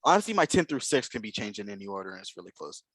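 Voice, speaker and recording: A man co-hosts a podcast, breaking down basketball draft prospects casually and analytically, hedging constantly and filling gaps with filler words. His voice sits on the low side with a fairly bright tone, and he talks in a very animated, rapid-fire way. The recording has no echo.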